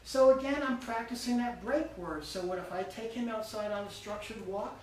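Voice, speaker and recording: A woman's voice: on the high side, normal speed, a little mellow, slight background noise. Patient woman dog trainer, roomy distant sound. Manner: patient, encouraging, praising the dog often. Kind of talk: explaining a training session.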